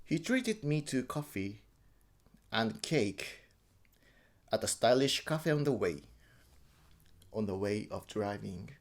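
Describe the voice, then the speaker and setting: A man from Japan with a Japanese accent gives a personal account in halting English, often repeating and correcting words. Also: on the low side, sing-song. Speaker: interviewee.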